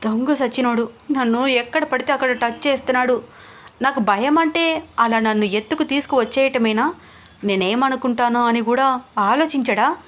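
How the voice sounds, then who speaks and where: A woman's voice: high voice, fairly even intonation, normal speed, pauses often, voice pushed up, lightly acted. A woman voicing a timid, plaintive young heroine. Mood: indignant. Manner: plaintive, complaining to herself.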